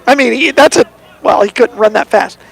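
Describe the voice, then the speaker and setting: A man doing animated, wry play-by-play commentary of a high school football game outdoors. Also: brisk, gravelly, breathy edge.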